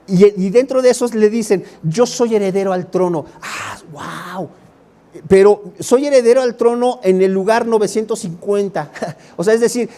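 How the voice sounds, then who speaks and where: Mexican pastor preaching with lively emphasis. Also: male voice, sits high. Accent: Mexican Spanish. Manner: conversational preaching, rising to emphatic exclamations, asides to the congregation. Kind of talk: sermon. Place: church.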